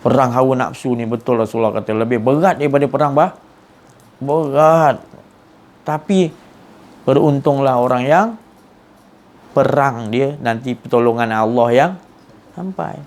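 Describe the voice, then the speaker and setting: A man's voice: mid-range voice, measured pace, pauses often, darkish tone. A man giving an earnest religious lecture, often repeating and restarting words. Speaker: religious teacher.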